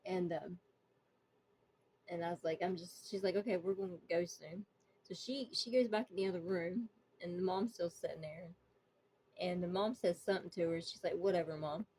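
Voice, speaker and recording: A woman's voice: fairly low pitch, fairly even intonation, normal speed, a little mellow, a little hiss or hum, poor audio. A woman telling a casual storytime, rambling and acting out the quoted dialogue. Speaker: vlogger. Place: indoors, just woken up.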